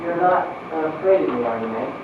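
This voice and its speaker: A man playing a gentle, lovestruck young suitor in a period drama, polite, hesitant and pleading. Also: fairly high pitch, lively intonation, fast, natural voice. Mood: tender, pleading. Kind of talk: stage-style period drama acting. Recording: echoey distant muffled recording, clear noise.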